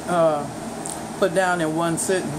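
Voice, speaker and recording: A woman's voice: on the low side, steady tone, unhurried, background noise. Woman talking with her mouth full. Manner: chatty, talks straight to viewers. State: talking while chewing. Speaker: food vlogger. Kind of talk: casual eating vlog chat.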